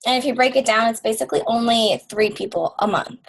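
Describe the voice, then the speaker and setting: Woman co-host, fairly high voice, upbeat chatty call delivery. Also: fast talker, creaky, poor audio. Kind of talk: casual conference call.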